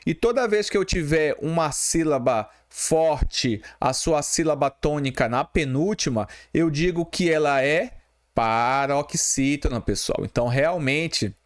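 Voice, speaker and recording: Brazilian male exam tutor with a slightly high voice, patient, and repeats himself for emphasis. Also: a little slow. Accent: Brazilian Portuguese. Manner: patient, repeats key terms, checks in with "tá bom?". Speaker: exam prep teacher. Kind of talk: explaining grammar questions.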